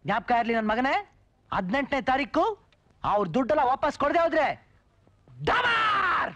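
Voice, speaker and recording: A man's voice: very high-pitched, animated, fast, a bit bright, dry recording. An actor playing a brash, mocking man who threatens swindlers with bombs, taunting in rhymes. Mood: menacing taunts.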